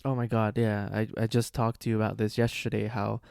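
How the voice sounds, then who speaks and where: A man raised in Jamaica, co-hosting a casual podcast chat, relaxed and quick to agree. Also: lowish voice, vocal fry, clean tone, no room sound, clean studio sound. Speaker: podcast co-host.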